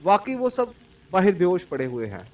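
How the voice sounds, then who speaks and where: A man's voice: high-pitched, moderate pace, distant mic. A man playing a cold, witty male secret agent. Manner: calm and cold, mocking laughter. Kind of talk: audiobook character reading.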